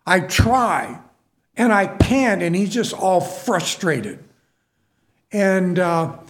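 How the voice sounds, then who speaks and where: A man preaching and telling a story in a folksy, earnest way, often repeating his words and calling for an amen. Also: high-pitched. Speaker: preacher and prison minister. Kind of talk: storytelling sermon.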